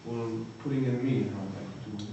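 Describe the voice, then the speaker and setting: Man, Croatian accent, thirties, halting and searching for words, mellow dark voice, distant mic in a very echoey hall. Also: mid-range voice, steady tone, highs cut off, a little hiss or hum. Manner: halting, searching for words, frequent "you know". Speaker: recovering addict giving testimony. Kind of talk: personal testimony talk.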